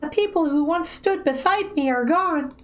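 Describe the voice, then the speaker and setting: A timid young anime girl from a game story, pitched well up. She sounds sorrowful and grave, speaking with plaintive solemnity. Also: normal speed.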